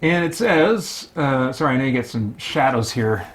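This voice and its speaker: A man with a mid-range voice and lively intonation speaks at a normal speed while hosting a solo tabletop gaming stream. He gives casual running commentary as he plays a board game, thinking aloud through each move.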